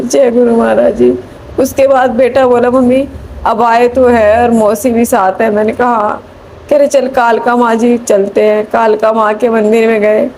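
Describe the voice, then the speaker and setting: A woman's voice: mid-range voice, mellow, a little hiss or hum. A middle-aged woman giving a devotional testimony, earnest and pleading as she prays and chants.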